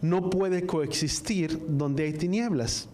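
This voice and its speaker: A male preacher with a slightly raised pitch leads a sermon, drawing out each line of scripture. He keeps turning to the congregation with questions and asks them to say the words back to him. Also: mellow, a little hiss or hum. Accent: Spanish-speaking, from the US-Mexico border. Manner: call-and-response, asks the congregation to repeat after him; reads scripture slowly, line by line. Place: church service, also streamed online.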